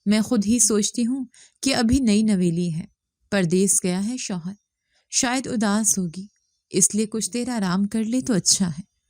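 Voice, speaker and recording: A woman voicing an older mother-in-law who speaks softly and plays the victim. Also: mid-range voice, no echo, studio quality, lightly acted. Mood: sly. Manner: soft complaining tone, plays the victim. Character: older mother-in-law, sly and self-pitying.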